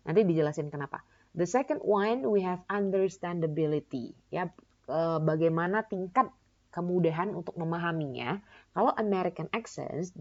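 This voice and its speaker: A woman's voice: on the low side, darkish tone. A young woman from Indonesia teaching an English pronunciation lesson, mixing two languages and asking herself questions. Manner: explains in two languages, asks and answers her own questions, many "ya kan" tags. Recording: dull lo-fi recording.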